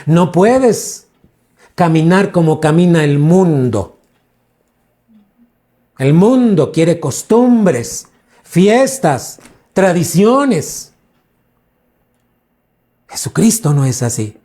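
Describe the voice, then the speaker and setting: A pastor teaching a sermon in a slow, deliberate way. His voice is dark and mellow. He stretches key words and throws questions at the congregation. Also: on the high side, big pitch swings. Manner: preaching with questions to the congregation, drawn-out emphasis.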